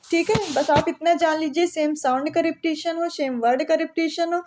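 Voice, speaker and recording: High-voiced woman teaching English exam prep. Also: steady tone, noisy background. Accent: Indian English. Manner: repeats questions and answers them, slows down to read English examples.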